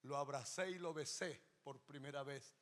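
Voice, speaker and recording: A man preaching a sermon as pastor, impassioned, moving between loud emphasis and hushed storytelling. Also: on the high side, normal speed. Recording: long reverb of a large hall.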